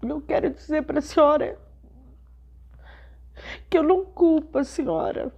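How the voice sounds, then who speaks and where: A middle-aged woman pastor, telling a personal testimony in a sermon with slow, emotional storytelling. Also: high voice, creaky, mellow.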